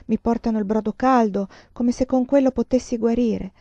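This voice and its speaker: Female reader doing a jilted young woman, pleading and broken, mellow voice, dry slightly dull recording. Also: on the high side, steady tone, normal speed, no echo. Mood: wistful.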